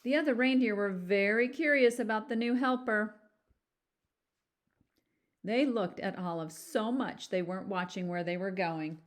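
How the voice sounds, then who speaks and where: A woman teacher gives an animated picture-book read-aloud, stopping to chat with the children and quiz them along the way. She has a mid-range voice and goes a little slowly.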